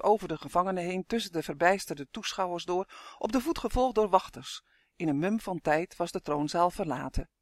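A man's voice: sits high, no room sound, clean studio sound. A man narrating a fantasy storybook in a vivid, dramatic reading. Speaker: audiobook narrator.

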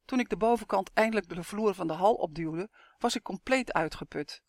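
A narrator reading a first-person suspense story in a steady, measured way on a close microphone. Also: medium pitch, dry recording. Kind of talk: audiobook narration of a suspense novel.

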